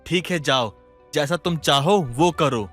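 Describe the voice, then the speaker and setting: A man's voice: a little high, unhurried, fairly bright tone. A man voicing a firm, reproachful husband who defends his brother. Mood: stern. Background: background music.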